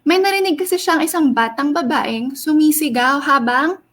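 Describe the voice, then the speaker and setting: A young woman, reading a children's story aloud in an expressive sing-song way and asking the kids questions. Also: high voice, normal speed.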